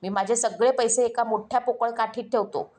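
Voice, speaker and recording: A woman's voice: a little high, fairly even intonation, moderate pace, darkish tone, lightly acted. A woman voicing a clever, stern blind male mullah who scolds. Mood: scolding.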